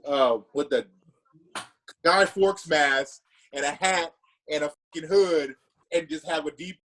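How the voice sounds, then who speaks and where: A man in a casual podcast chat, animated and joking, swearing freely. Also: fairly high pitch, measured pace, poor audio. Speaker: podcast guest.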